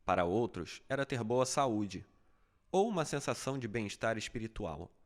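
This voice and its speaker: A man narrating a fable as an audiobook, with steady, even storytelling. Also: on the low side, normal speed.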